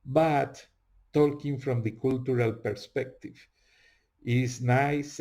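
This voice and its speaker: A man's voice: mid-range voice, darkish tone. A male host with a heavy Spanish accent and broken English, talking earnestly in a casual monologue and often repeating his phrases.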